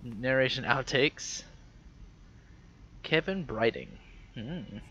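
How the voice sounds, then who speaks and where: A man's voice: medium pitch, expressive, slow pace, sharp tone, a little hiss or hum. A young man thinking aloud while he plays a game, musing and hesitant. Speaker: gamer. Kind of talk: let's play commentary.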